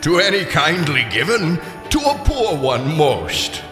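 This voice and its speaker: A man's voice: on the high side, very animated, a little slow, over music, voice pushed up. A man playing a jolly giant spirit in a radio drama, grand and declamatory, with long reverb on the voice. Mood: jovial, solemn. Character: jolly giant male Ghost of Christmas Present, hearty. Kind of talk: radio theater acting. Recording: long echoing hall reverb.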